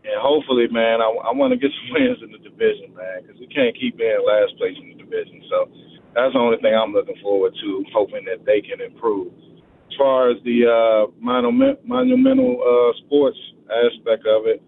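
A man calling in to a sports radio show over the phone, talking casually with many halting fillers. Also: mid-range voice, sing-song, creaky. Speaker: caller. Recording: tinny phone line with faint noise.

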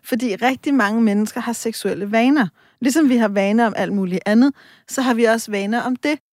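A woman's voice: on the high side, a little mellow, no room sound, studio quality. A woman guest on a radio talk show, explaining reflectively and giving examples. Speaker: sexologist guest.

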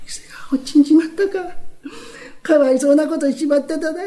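A man's voice: very high-pitched, fast, dark tone. Man doing a rustic country bumpkin. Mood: grieving. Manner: thick rural dialect, blunt and simple. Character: rustic wealthy country man, naive and softhearted. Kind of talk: rakugo storytelling.

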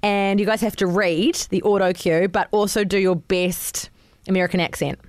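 A woman's voice: medium pitch, fairly even intonation, normal speed, no echo. A woman hosting a podcast, chatting casually and teasing her co-hosts with a lot of giggling. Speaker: podcast host. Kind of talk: casual banter.

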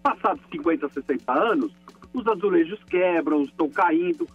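A man's voice: fairly high pitch, lively intonation, moderate pace, breathy edge, faint music behind. A man calling in over the phone, telling an indignant complaint with emphasis. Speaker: caller. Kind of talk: call-in complaint. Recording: muffled phone line.

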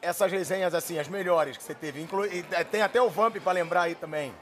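A man's voice: sits high, fairly quick, fairly bright tone. A man hosting a football podcast, prodding his guest for stories in a casual, teasing chat and laughing along. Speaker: podcast host.

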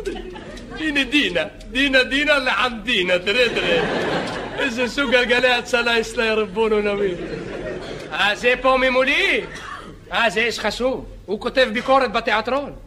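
A man playing a boastful, chatty beach lifeguard who rambles, jokes and yells at bathers in a comedy sketch. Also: very high-pitched, lively intonation, a crowd in the background. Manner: rambling, joking, shouting at bathers. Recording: live audience laughter and noise. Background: audience laughing.

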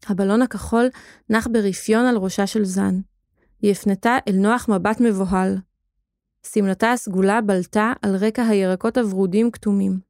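A woman giving a steady, expressive scripted narration of a children's story. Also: medium pitch, dry recording, studio quality.

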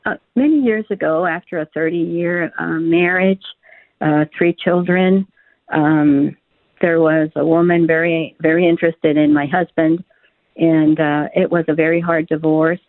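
An older woman calling in to a radio show over a phone line. She tells a personal faith story in an earnest, halting way, with many fillers and restarts. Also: sits low, fairly even intonation, no room sound. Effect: telephone line. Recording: tinny dry phone line.

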